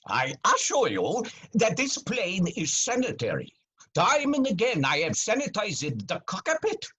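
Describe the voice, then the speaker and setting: A man's voice: fairly high pitch, fairly bright tone, slightly rough, exaggerated voice, rough recording. An actor playing a pompous, bumbling male airline captain in a comic audio play, speaking in a grandiose, self-important way full of innuendo. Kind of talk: comic audio drama acting.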